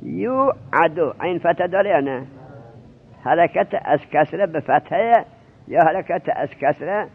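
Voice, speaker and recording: A man's voice: on the high side, animated. Man drilling grammar over a tinny line. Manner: questioning, drilling students. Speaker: seminary teacher. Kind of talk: Arabic grammar lesson in Persian. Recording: tinny lo-fi narrowband recording.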